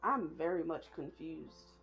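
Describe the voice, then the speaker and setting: A woman's voice: low-pitched, measured pace, breathy edge, dull audio, faint music behind. A woman streamer, giving casual, sarcastic commentary from her room as she plays a game. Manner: sarcastic, deadpan asides. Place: home room.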